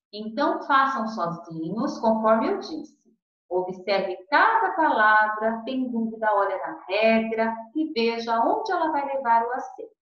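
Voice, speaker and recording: Brazilian lady teacher, lively up-and-down voice, sounds far off in a really echoey room, kinda muffled. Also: fairly high pitch. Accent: Brazilian Portuguese. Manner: patient, uses diminutives, stretches out syllables to demonstrate stress. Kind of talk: recorded remote lesson for children.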